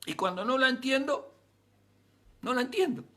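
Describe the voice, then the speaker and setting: A man's voice: very high voice, animated, moderate pace, a bit bright. A man with a Rioplatense Spanish accent, preaching a sermon as pastor, with rising emphasis and rhetorical questions.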